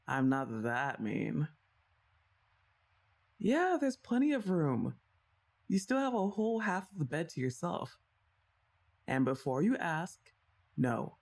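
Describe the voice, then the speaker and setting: This young woman's delivery swoops up and down as she teases and playfully orders the listener around in a scripted ASMR roleplay. Between lines come quiet laughs and sighs, all in a low voice.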